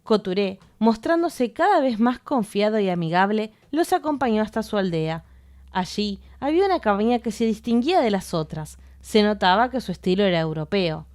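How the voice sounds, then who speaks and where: A woman narrating an adventure novel as an audiobook, in a calm and measured way. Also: medium pitch. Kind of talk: scripted narration.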